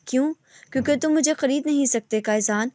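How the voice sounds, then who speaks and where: A woman's voice: high-pitched, a little mellow, dry recording, studio quality, natural voice. A woman narrator playing a bitter young bride. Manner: cold, bitter.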